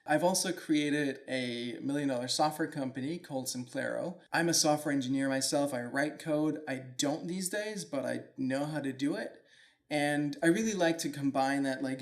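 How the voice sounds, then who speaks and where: Speaking in a medium-pitched, creaky voice, this podcast host from Denmark delivers a solo motivational talk. His manner is casual yet earnest and reflective, and he leans loosely on fillers such as "like".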